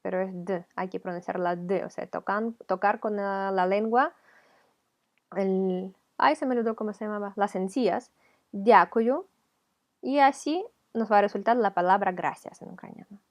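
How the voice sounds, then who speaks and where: A woman's voice: mid-range voice, normal speed, darkish tone. A woman with a Ukrainian accent, a teacher explaining a video lesson patiently, step by step. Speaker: language teacher.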